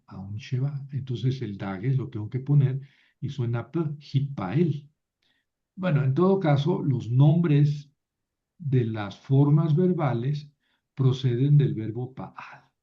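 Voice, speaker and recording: A man's voice: medium pitch, dull audio. A man teaching a Biblical Hebrew grammar lecture, patient and methodical, often checking with his students, with some playful asides. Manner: slow, patient, with frequent "¿verdad?" checks. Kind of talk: recorded lecture.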